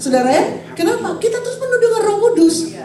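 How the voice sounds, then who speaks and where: A woman in her forties, a pastor preaching a lively sermon and calling out to her congregation. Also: very high-pitched, quick pace. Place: church hall. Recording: echoey hall, voice from far off.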